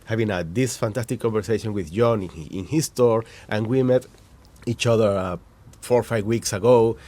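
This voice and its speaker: A man in his own voice, somewhat low-pitched, interviewing a guest in a shop. He speaks English with a Latin American Spanish accent, the second language for this Spanish speaker. He often repeats little words and restarts sentences while he finds the right phrase. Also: a little mellow. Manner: halting, searching for words, frequent restarts. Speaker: host. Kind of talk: casual interview chat. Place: inside a shop.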